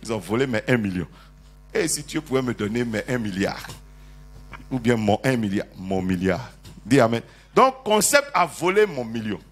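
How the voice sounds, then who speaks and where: A husky-voiced man of mid-range pitch preaches a sermon as bishop, calling for amens from the congregation. He kids with them through jokes and escalates into loud prophetic declarations, preaching animatedly with call-and-response.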